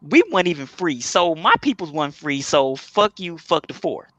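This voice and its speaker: A man's voice: a little high, moderate pace, a bit bright, no echo, highs cut off. A man on a podcast giving candid opinions in casual chat. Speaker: podcast co-host.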